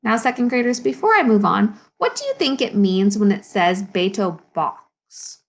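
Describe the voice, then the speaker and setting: A woman with a mid-range voice takes on the part of an elementary school teacher, reading aloud from a children's picture book. She keeps it expressive and instructive, halting to explain points and question her listeners.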